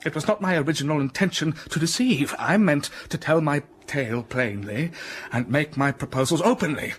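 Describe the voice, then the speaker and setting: An actor playing Mr Rochester, a brooding gentleman telling his troubled past in a radio drama with slow, heavy storytelling that flares up with passion. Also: a little high, slight background noise, close to an everyday voice.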